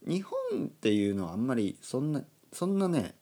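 Lively-voiced man explaining slowly. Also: medium pitch. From Oita, Japan. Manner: slow, explanatory, glosses words in English. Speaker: podcast host. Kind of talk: casual monologue for Japanese learners. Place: indoors at a table.

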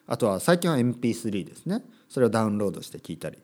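A man with a fairly low, sing-song voice talks at a racing pace, his tone a little mellow. He hosts a casual solo podcast for Japanese learners, thinking aloud and tagging his sentences with frequent little asides. When he acts out short sample dialogues, his voice turns livelier.

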